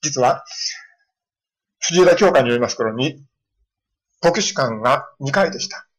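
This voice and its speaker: Middle-aged man, pastor giving a storytelling sermon, husky tone, animated delivery. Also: medium pitch, unhurried, low-quality recording. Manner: storytelling with lively voiced quotes of children.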